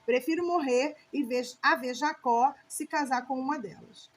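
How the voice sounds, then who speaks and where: Worried protective mother, high voice read by a woman. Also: moderate pace, lightly acted. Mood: urgent.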